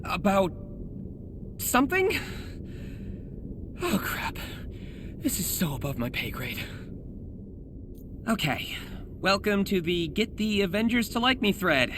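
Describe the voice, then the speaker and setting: A man's voice: sits high, very animated, slow, pauses often, noisy background, full character voice. A man playing an anxious, earnest young American superhero in a video game, rambling and hesitant in a self-deprecating way. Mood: anxious, excited, then awkward, worried. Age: young adult. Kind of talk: naturalistic game voice acting, spoken diary and messages.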